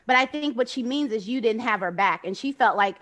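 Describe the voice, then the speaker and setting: Calm woman with a slightly high voice. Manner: calm, measured, explaining. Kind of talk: casual group call.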